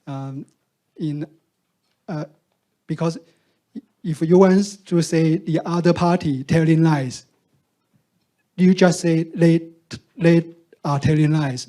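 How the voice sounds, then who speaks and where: Answering on a discussion panel, this Taiwanese Mandarin speaker represents a fact-checking group. He talks slowly in a slightly high, dark, mellow voice. Frequent pauses, restarted sentences, and many "uh" fillers make his delivery halting.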